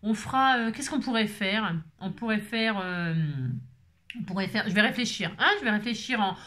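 This craft vlogger's voice is mid-range, pushed and bright, moving at a moderate pace. She keeps the chat casual and playful, sprinkling "hein" through nearly every sentence and bursting into bits of song.

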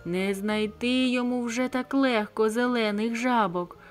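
A woman narrating a bedtime fairy tale in a slow, gentle storytelling manner. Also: fairly high pitch. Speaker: audiobook narrator. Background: soft background music.

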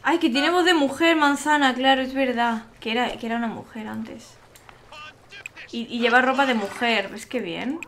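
A woman's voice: fairly high pitch, normal speed, fairly bright tone, slight background noise. A young woman with a Spain Spanish accent commentating a life-sim game live, chatty, exasperated and swearing freely. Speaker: streamer.

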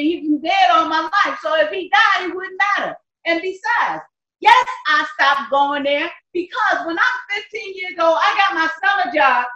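A woman's voice: very high-pitched, sharp tone, full character voice. A woman playing a bitter grown daughter about to marry, speaking in a scornful, emphatic way. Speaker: church skit actor. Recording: echoey, dull lo-fi sound.

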